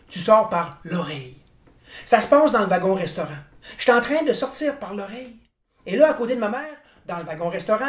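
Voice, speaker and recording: A man in his sixties with a Quebec French accent performs oral tall tales. His telling is theatrical and animated, building suspense as he goes. The recording is clearly roomy. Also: high voice. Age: 60s. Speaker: storyteller. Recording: roomy, echoing room.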